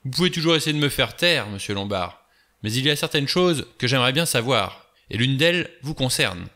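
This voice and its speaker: A man's voice: lowish voice, expressive, moderate pace, sharp tone. A man voicing a blunt, suspicious ex-cop. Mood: insistent. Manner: pushy, insistent questioning.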